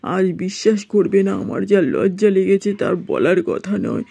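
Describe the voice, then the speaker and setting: A man voicing a calm young husband in a cartoon story, talking gently and steadily. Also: high voice, moderate pace, creaky, husky, dry recording, heavily acted. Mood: reassuring.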